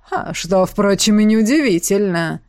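A woman reading an audiobook, voicing a mad, cruel villainous queen who taunts slowly and savors her words. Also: medium pitch, animated, a little mellow, no echo, clean studio sound, lightly acted. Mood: mocking. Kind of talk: audiobook character voice.

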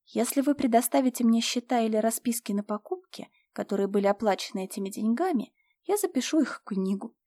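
A woman voicing a young noblewoman who runs an estate, speaking calmly, coolly and firmly, in an audiobook. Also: fairly high pitch, a little fast, no room sound. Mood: composed. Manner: calm, cool and firm. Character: calm, firm young noblewoman managing an estate.

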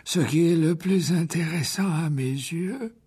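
A man reading an audiobook, voicing a gentle, slow-spoken old male wizard headmaster who chuckles and repeats himself. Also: on the high side, breathy edge, pitched above the performer's own voice. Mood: musing. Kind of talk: audiobook character voice.

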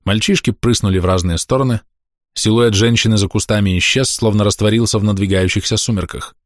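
Male narrator, low voice, measured and tense delivery, dry booth sound. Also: steady tone, dry recording. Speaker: audiobook narrator. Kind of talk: dramatic audiobook narration.

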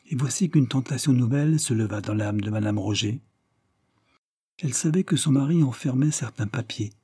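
Warm, husky male audiobook narrator. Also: lowish voice, no echo, studio quality.

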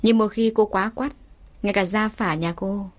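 Woman voicing a cool, collected young man, quiet menace. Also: mid-range voice, unhurried, lightly acted. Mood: calm menacing. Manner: calm, even, quietly threatening. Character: calm, composed young man, coolly menacing.

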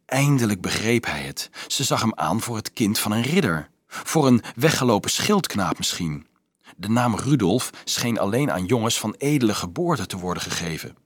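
Husky low-voiced man reading a novel. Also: normal speed, dry recording, studio quality. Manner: expressive reading, lifts his voice for the characters' lines. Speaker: audiobook narrator.

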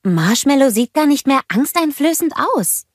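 A woman's voice: sits high, big pitch swings, moderate pace, no room sound, clean studio sound, voice pushed up. A woman voicing an eager, upbeat young princess in a storybook reading. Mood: friendly.

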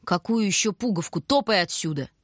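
A woman voicing a gruff, protective young village woman who talks in curt, brusque bursts in a storybook reading. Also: mid-range voice, animated, brisk, no echo, studio quality, natural voice.

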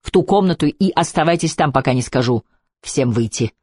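A man's voice: a little high, animated, fairly quick, a little mellow, no room sound, studio quality. A man reading an audiobook, playing a furious, domineering wealthy businessman who barks curt orders. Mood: threatening.

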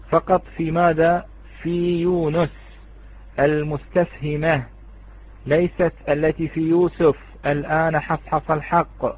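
A man's voice: a little high, breathy edge. A man teaching a tajweed lesson to students, explaining patiently and asking and answering his own questions. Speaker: Quran recitation teacher. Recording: tinny phone-line sound.

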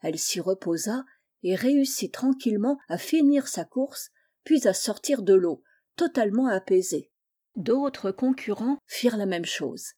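A woman reading a children's Christmas tale aloud in a gentle, measured way. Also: medium pitch, expressive. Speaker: storyteller.

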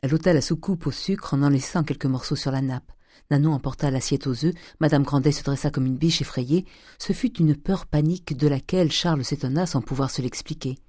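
Man narrating a classic novel in a mellow voice. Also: a little high, brisk, no room sound, clean studio sound. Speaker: audiobook narrator. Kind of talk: scripted narration.

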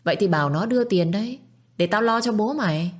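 A woman's voice: mid-range voice, expressive, fast talker, voice pushed up, close to an everyday voice. A woman voicing a spiteful middle-aged stepmother who screeches insults and taunts. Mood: scolding.

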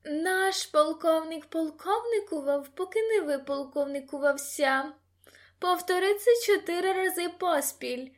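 A woman reading an audiobook, voicing a tipsy, excited teenage girl who shouts tongue twisters at a party. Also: extremely high pitch, moderate pace, voice pushed up. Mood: giddy. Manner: shouting, giddy.

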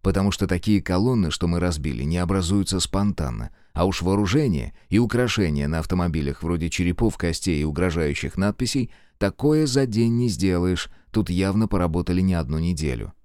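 A man's voice: low-pitched, expressive, a little fast, few pauses, a little mellow, dry recording, studio quality. A man voicing a tough squad commander who taunts and interrogates a prisoner bluntly. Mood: grim. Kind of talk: audiobook character voice.

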